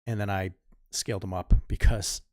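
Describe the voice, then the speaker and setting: A man's voice: deep voice, fairly even intonation, normal speed, no room sound, studio quality. A man in his fifties, a comic artist chatting casually while he draws, rambling and correcting himself as he goes, muttering asides to himself. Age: 50s. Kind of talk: casual tutorial chat while drawing.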